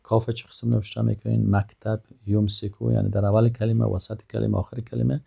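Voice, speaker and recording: An older man teaches a vocabulary lesson in a low, dark voice full of gravelly fry. He pronounces each term carefully and repeats it before he explains it. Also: level tone, lo-fi sound. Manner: slow, repeats each word and then gives its meaning. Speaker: Arabic teacher. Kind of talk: vocabulary lesson, word then translation.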